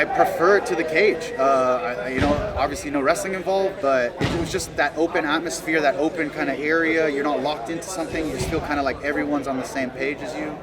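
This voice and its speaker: A man with a slightly high voice talks like a confident fighter after a bout. His speech is casual and slangy, halting and restarting as he goes. A busy crowd chatters clearly behind him. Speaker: professional fighter, interviewee. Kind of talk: casual post-fight interview. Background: busy crowd talking nearby.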